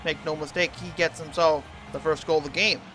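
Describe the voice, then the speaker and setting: High-voiced man calling hockey play-by-play. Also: steady tone, fairly quick, pushed and bright, soft background music. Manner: imitating a TV sports announcer.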